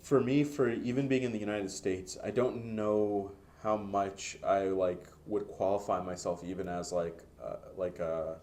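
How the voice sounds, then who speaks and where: A man's voice: on the low side, fairly even intonation, unhurried, few pauses, darkish tone. A man hosting a podcast, asking questions in a loose, searching way, with many fillers. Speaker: podcast host. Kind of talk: casual interview chat.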